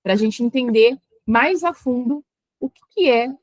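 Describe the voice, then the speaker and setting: Teaching in an online exam-prep lecture, a woman speaks with a fairly high voice and a patient manner, drawing words out syllable by syllable. The recording is dry, close and free of echo.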